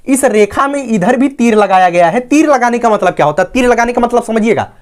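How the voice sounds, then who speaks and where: A man's voice: very high voice, animated, brisk. A man teaching a maths lesson at a board. He explains step by step and keeps checking that listeners follow.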